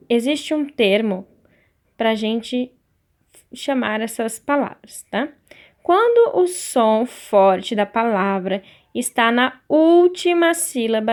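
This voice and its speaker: A Brazilian woman teacher giving a recorded lesson, patient, drawing out key words slowly. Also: fairly high pitch, darkish tone. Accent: Brazilian Portuguese.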